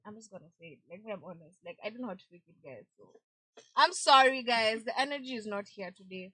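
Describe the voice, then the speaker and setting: Young Kenyan woman, radio co-host; high-ish, husky, chatty banter. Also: expressive, fast, pushed and bright, no room sound, poor audio. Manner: chatty, mixes English and Swahili slang. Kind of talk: casual radio chat. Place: radio studio.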